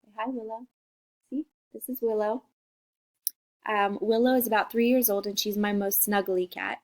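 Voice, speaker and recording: Steady and medium-pitched at a normal speed, this teacher from Costa Rica is in her forties. She chats warmly while guiding students through a class introduction video, regularly asking "okay?" to check they're following.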